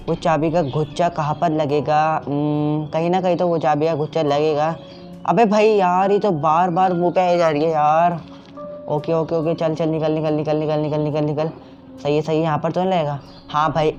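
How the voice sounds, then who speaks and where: A man's voice: fairly high pitch, a little mellow. Jumpy young man narrating a horror game. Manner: jumpy, repeats filler words, startled outbursts. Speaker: gameplay streamer. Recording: dull lo-fi sound with game music.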